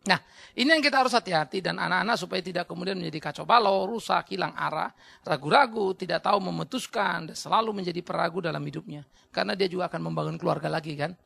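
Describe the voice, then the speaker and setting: Preaching as a pastor, this middle-aged Indonesian man talks fast with vocal fry, alternating between shouts and quiet asides while performing quoted voices.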